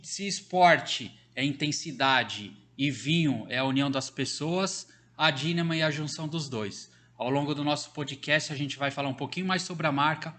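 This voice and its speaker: Upbeat brazilian guy hosting a podcast, jokey, voice a bit high. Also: sharp tone, slight background noise. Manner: upbeat, jokey, chimes in often. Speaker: podcast host. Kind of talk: casual podcast interview.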